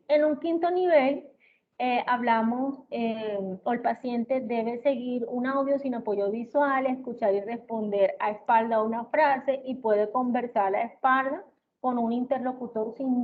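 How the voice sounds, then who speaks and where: A woman giving an explanatory lecture on therapy methods, often checking in with her listeners and filling pauses with hesitation sounds. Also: a little high. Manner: checks in with listeners with "¿ok?" and "¿sí?", many "eh" fillers. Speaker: lecturer in auditory-verbal therapy. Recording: tinny, phone-like with faint hiss.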